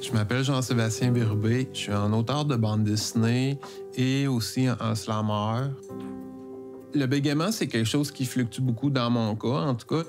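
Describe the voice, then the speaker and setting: A man's voice: mid-range voice, fairly even intonation, moderate pace, over music. A middle-aged man with a Québécois accent telling his own story, stuttering with frequent repeated words and sounds. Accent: Québécois French. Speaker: interviewee, comic book author. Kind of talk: personal testimony.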